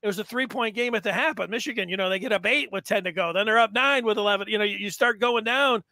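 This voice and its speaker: Man in his thirties, sports podcast host on a headset, high bright voice, dry close sound, rambling and excitable. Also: fast, no echo. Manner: excitable, rambling with many fillers. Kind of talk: casual sports chat. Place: home room with sports jerseys. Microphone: headset mic on video call.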